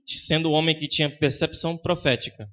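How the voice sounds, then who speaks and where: A man's voice: fairly high pitch, fairly even intonation, a little fast, bright, forceful tone, dull audio. A man interpreting a sermon phrase by phrase, repeating each line right after the preacher with small restarts.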